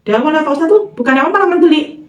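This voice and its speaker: A woman's voice: high-pitched, rapid-fire, lo-fi sound. Woman telling a horror story. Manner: lively, acts out the characters' voices. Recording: roomy sound, distant mic.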